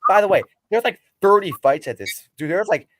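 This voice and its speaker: A young man hosting a casual sports podcast, talking in an excitable, slangy, ranting way. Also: high-pitched, a little fast, no room sound, clean studio sound. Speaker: podcast host.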